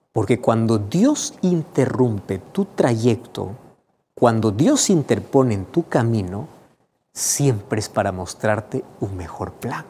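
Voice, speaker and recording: A man's voice: medium pitch, warm tone, a little hiss or hum. A man preaching a sermon, emphatic, speaking directly to the listener.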